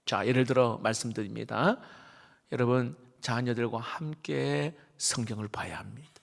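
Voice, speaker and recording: A middle-aged male pastor, preaching a sermon emphatically and swinging between loud stresses and hushed, half-whispered asides. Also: medium pitch, normal speed, creaky. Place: church sanctuary. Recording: reverberant church sanctuary.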